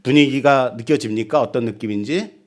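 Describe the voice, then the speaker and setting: A man's voice: mid-range voice, fairly quick. A male pastor preaching a sermon, asking the congregation rhetorical questions and acting out quoted speech. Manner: animated, acts out quoted speech.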